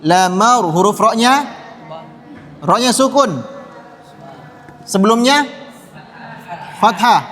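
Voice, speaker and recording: A man's voice: sits high, animated, slow, pauses often, fairly bright tone. A man teaching a Quran pronunciation lesson to children, patiently drilling sounds and having the class repeat after him. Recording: long hall reverb.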